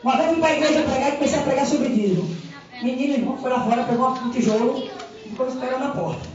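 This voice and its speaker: Woman preacher, high voice, fervent, loud swings, distant mic, booming hall with congregation. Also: very fast. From Brazil. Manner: fervent, swings from quiet to shouting. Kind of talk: sermon. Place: church hall. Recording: echoey hall from far off, dull with crowd.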